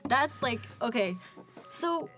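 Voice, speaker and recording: A woman's voice: fairly high pitch, lively intonation, slow pace. Chatty woman rambling through a review. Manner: rambling, chatty, many fillers and restarts. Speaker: co-host of an episode review. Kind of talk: casual chat.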